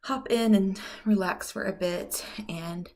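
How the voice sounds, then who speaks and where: A young pregnant woman vlogging casually from her bathroom, chatty with lots of ums and now and then slipping into soft whispers, a little out of breath. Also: medium pitch, slow pace. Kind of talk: casual beauty vlog chat. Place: bathroom at home, indoors.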